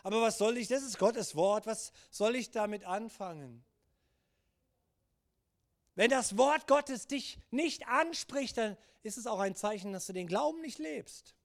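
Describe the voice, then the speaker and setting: A pastor preaching a church sermon in an earnest, urging way, dropping low and soft when he speaks God's words. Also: animated, a little slow, vocal fry. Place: church service.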